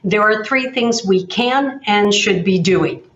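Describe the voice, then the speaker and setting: A woman speaking as head of a peace institute, delivering a measured, emphatic prepared speech over a video call. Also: medium pitch. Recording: echoey room, slightly dull sound.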